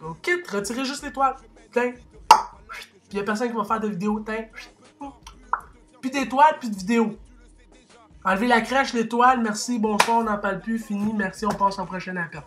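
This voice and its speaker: A man's voice: sits high, fairly bright tone. A man with a Québécois French accent delivering an impassioned opinion monologue, emphatic and rhetorical, with frequent restarts. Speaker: vlogger.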